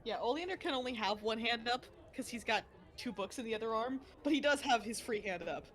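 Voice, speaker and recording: A player at a tabletop game, jokey and lively, now and then dropping into soft in-character asides. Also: medium pitch, a little fast. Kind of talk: casual tabletop play.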